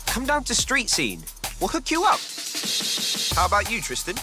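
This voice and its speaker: An actress playing an upbeat, confident street racing leader in a video game, with breezy, encouraging banter. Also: female voice, medium pitch, wildly swooping pitch, moderate pace. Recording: loud music behind.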